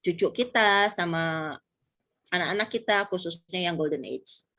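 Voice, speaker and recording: Brief: middle-aged woman, casual church talk guest, patient and explanatory, lively when quoting. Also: on the low side, a little slow. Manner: relaxed, explanatory, lively acted-out quotes. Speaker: pastor's wife and mother, guest.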